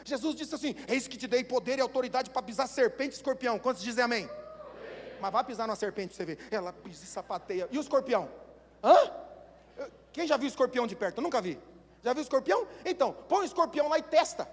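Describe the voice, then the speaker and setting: A Brazilian man preaching a sermon as pastor, telling animated stories and building up to shouts. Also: extremely high pitch, fast. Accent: Brazilian Portuguese. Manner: animated storytelling, acts out voices, builds to shouting. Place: church hall. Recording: long church hall reverb.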